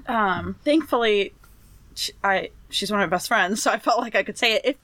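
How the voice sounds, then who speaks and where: A woman's voice: medium pitch, animated, fairly quick, a bit bright, no room sound. A woman telling stories in casual chat, laughing often and acting out quotes.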